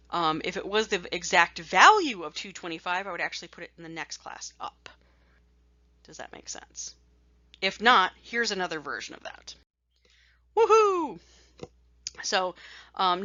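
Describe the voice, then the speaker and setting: A woman's voice: fairly low pitch, pushed and bright, no room sound, highs cut off. Chatty woman lecturing on statistics. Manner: chatty, self-mocking, bursts of "woohoo" between slides. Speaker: statistics instructor. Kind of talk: recorded lecture over slides.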